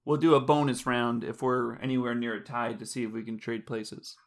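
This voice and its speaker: A man's voice: mid-range voice, level tone, fairly quick, close to an everyday voice. Bumbling male game-show host, as a man puts him on; filler-heavy, self-amused. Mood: mock-formal. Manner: hesitant, filler-heavy, laughing at himself. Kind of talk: mock game-show hosting.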